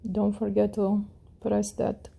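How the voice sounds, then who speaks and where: A woman hosting a crochet tutorial, talking in a calm, low, relaxed voice that slips into soft whispers. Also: slow pace, vocal fry, slightly rough.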